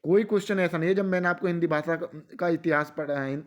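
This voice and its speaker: A man's voice: fairly high pitch, quick pace. A man teaching an exam-prep lesson with a western Uttar Pradesh accent, asking quiz questions and answering them himself, repeating each answer for emphasis. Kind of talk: rapid quiz-style lecture.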